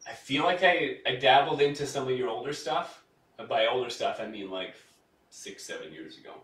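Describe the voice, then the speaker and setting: A man with a bright, forceful voice talks casually on a podcast and laughs often as he tells stories. He is heard a bit off the mic in a roomy, echoing space. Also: medium pitch, normal speed. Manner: laughs often, animated storytelling. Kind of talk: casual chat. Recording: roomy sound from a distance.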